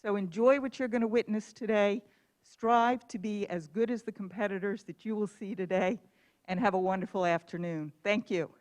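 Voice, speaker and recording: A woman's voice: medium pitch, steady tone, normal speed, darkish tone. A woman speaking as a law school dean, giving a welcome speech at a formal event.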